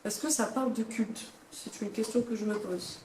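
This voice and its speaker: Young woman, casual book vlogger, lively opinions, echoey room recording. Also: mid-range voice, moderate pace, slight background noise. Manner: chatty, dramatic reactions, reads blurbs aloud. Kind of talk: casual book ranking chat. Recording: echoey room, faint ambience.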